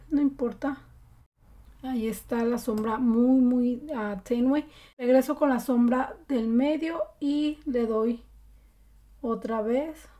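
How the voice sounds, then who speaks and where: A woman giving a relaxed, chatty makeup tutorial, with many fillers. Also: a little high. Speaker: beauty vlogger.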